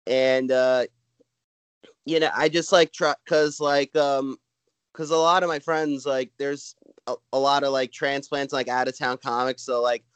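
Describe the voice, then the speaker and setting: A man from Brooklyn with a Brooklyn accent chats casually as a comedian being interviewed, rambling and halting, with "like" all through his talk. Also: medium pitch, flat delivery, smooth, no room sound. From Brooklyn, New York. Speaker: stand-up comedian, podcast guest. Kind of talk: casual chat.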